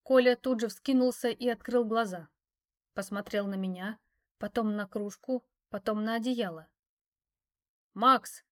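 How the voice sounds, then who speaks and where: A woman narrating a first-person novel, expressive and wry. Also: fairly high pitch, moderate pace. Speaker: audiobook narrator.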